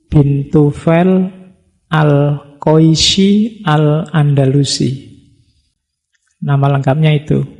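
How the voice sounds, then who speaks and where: A man's voice: on the high side, vocal fry, a little mellow. A middle-aged man with a Javanese accent giving a casual, joking religious study lecture in a mosque hall. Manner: chatty, joking asides, plainspoken. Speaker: lecturer on Islamic philosophy.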